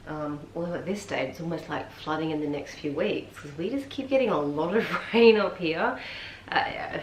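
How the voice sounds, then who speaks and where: An Australian woman chats to her viewers while she folds laundry at home, wandering from topic to topic with plenty of ums. Her voice sits a little low and has a tired, slightly hoarse edge. The home room echoes noticeably, with a faint ambient hum underneath. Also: moderate pace. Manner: chatty, rambling, frequent ums. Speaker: vlogger. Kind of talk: casual chat while folding laundry.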